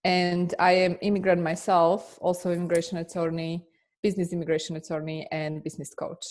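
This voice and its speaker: A woman with a Slovak accent and a fairly low voice answers interview questions. She speaks earnestly, with plenty of fillers and restarts. Her answers sound like those of an attorney and coach recounting her own path. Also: little pitch movement, a little fast, darkish tone. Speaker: immigration attorney and business coach.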